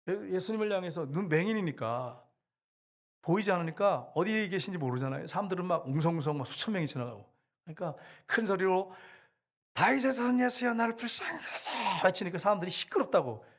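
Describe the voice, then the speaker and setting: Pastor, male, mid-high voice, preaching with emphatic, dramatic retellings of scripture. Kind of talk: sermon.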